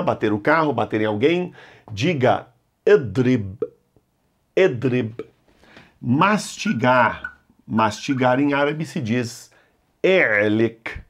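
A male language teacher with a mid-pitched voice who speaks slowly and deliberately. He states each word, then says it again with care so learners can repeat after him. His delivery is patient and steady. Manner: slow, deliberate, repeats words for the listener to echo. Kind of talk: language lesson.

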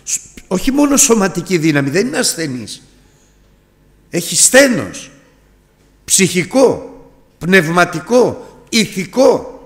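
A man preaching with fervent conviction, his somewhat high voice climbing to near-shouts. The sound carries a long reverb tail from a church hall. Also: very animated. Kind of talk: sermon.

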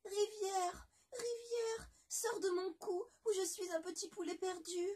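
A woman putting on a shrill little half-chicken. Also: very animated, measured pace, mellow. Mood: desperate cry. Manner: high chirpy sing-song voice, cries out shrilly when scared. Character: plucky little female half-chicken, small and stubborn. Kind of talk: storybook read-aloud.

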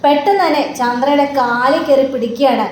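High-voiced woman recapping a serial. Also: fairly quick, a little mellow. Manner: chatty, loose retelling with fillers. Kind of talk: casual story recap. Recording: roomy with faint background noise.

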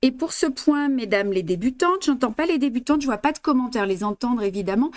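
A woman's voice: fairly high pitch, lively intonation, fairly quick, no echo. A woman teaching traditional embroidery on a live stream, giving patient step-by-step instructions full of fillers and chatting with her viewers. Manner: chatty, greets and answers viewers' comments. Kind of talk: live craft demonstration, switching languages.

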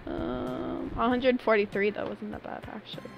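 A young woman streaming a game live, chatting casually with her viewers and breaking into sudden excited squeals. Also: a little high, normal speed, gravelly, faint music behind, rough recording. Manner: excitable, talks to chat, sudden squealy outbursts.

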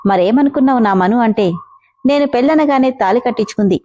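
Middle-aged dad, fond, boastful, woman reading, mellow. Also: fairly high pitch, fairly quick, dull audio, natural voice. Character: proud, loving middle-aged father.

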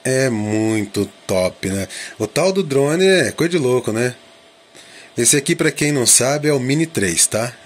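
A man's voice: mid-range voice, expressive, moderate pace, breathy edge. A man giving casual drone vlog commentary, thinking aloud and asking himself questions in an informal way. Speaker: drone vlogger.

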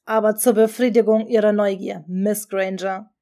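A woman voicing a cold, sarcastic male professor who speaks quietly and cuttingly in a fan-fiction audiobook. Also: mid-range voice, little pitch movement, moderate pace, natural voice.

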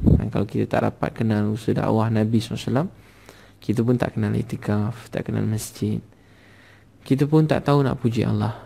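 A man's voice: lowish voice, gravelly, warm tone. A man with a Malaysian accent preaching a sermon, telling stories fervently and often interjecting "ha". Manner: fervent storytelling with frequent "ha" interjections.

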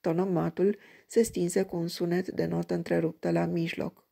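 A woman reading a crime story aloud in an even, measured way. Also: on the low side, vocal fry, husky. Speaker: audiobook reader.

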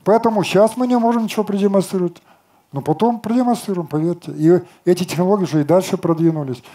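On an outdoor festival stage, an older man who is a company's chief designer answers questions at a quick pace. His voice is somewhat high yet dark and mellow, and he lectures confidently, countering objections with rhetorical questions of his own.

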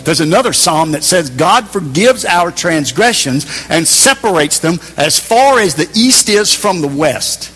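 A man preaching in a church, his voice sitting a little high as he presses his points hard and then drops low. Long reverb trails his words through the hall, with faint music underneath. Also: lively intonation, unhurried, few pauses. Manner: emphatic, shifting between raised and hushed delivery. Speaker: pastor. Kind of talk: sermon.

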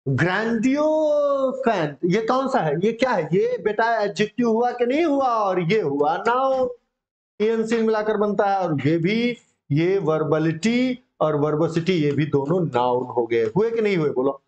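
Man, high voice, encouraging vocabulary teacher, dull lo-fi recording. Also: lively intonation, normal speed, darkish tone. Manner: encouraging, calls students beta, repeats words for drilling. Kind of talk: online coaching class. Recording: dull lo-fi sound.

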